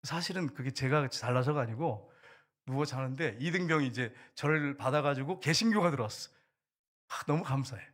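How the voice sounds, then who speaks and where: An older man preaching in a church, recounting his own past with lively storytelling. He slips into short acted voices for the people in his story, then returns to his plain preaching tone. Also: mid-range voice, brisk. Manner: animated storytelling, acting out quoted soldiers. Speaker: pastor. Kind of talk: sermon testimony.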